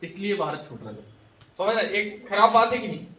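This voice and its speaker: A man's voice: sits high, very animated, fairly quick, bright, forceful tone, a little hiss or hum. A man teaching a classroom, quizzing his students and repeating their answers back to them. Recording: echoey room, voice from a distance.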